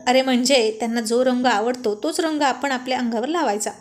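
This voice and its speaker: Woman voicing a playful young husband, teasing friends, high-pitched, story narration. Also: brisk, natural voice. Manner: bantering, mock-scolding.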